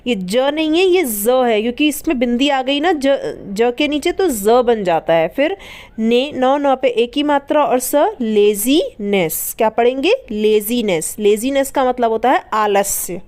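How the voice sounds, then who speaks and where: A woman's voice: on the high side, a little slow, darkish tone, clean tone. A woman teaching English vocabulary. She spells out each word letter by letter, repeats it and asks quiz questions as she explains its meaning. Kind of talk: slow spelling-and-meaning lesson.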